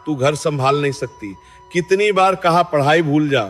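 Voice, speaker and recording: Man voicing a gruff curt shopkeeper husband. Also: a little high, normal speed, fairly bright tone. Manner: curt, scolding. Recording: long reverb, faint music behind.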